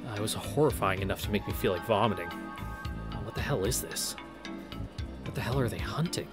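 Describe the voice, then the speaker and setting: With game music in the background, a man does a visual novel read-through, reading it aloud and slipping into wry, casual commentary as a let's-play narrator. His pitch is fairly low and he talks fairly quickly.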